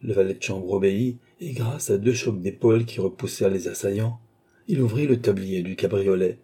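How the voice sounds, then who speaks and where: A man narrating a classic novel as an audiobook with a steady, expressive reading. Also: lowish voice, a little fast, breathy edge.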